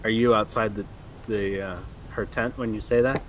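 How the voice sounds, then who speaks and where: A man's voice: on the low side, steady tone, moderate pace, slight background noise. A man narrating a tabletop role-playing game as the game master.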